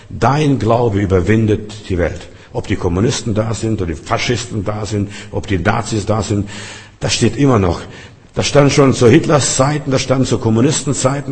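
A man preaching a sermon, repeating refrains and swinging between loud and soft. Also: mid-range voice. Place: Berlin Cathedral. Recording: long reverb of a large church.

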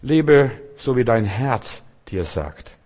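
Animated German-speaking preacher, loud then hushed. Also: male voice, medium pitch, takes it slowly. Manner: animated, swings between loud exclamations and quiet asides; addresses listeners directly, often with rhetorical questions. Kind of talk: free-flowing sermon.

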